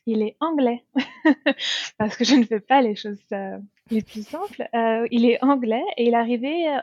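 A woman's voice: fairly high pitch, no echo. Laughing French woman with dull audio. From France. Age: young adult. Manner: laughs often, many hesitant fillers. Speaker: interview guest. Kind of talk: casual interview conversation.

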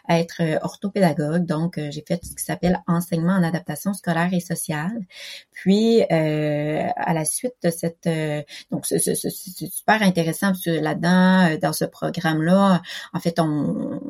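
A woman's voice: low voice, creaky, a little mellow. A woman in her thirties with a Québécois French accent, a podcast guest talking casually and hesitantly, with many fillers and restarts. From Quebec. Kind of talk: casual interview chat.

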